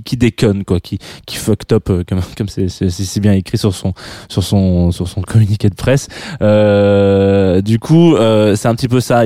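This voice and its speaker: A man with a lowish, mellow voice hosts a radio music show from a dry studio. He talks casually, musing aloud and correcting himself as he goes. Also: dry recording. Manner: rambling, musing and self-correcting. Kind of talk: casual on-air talk introducing a track.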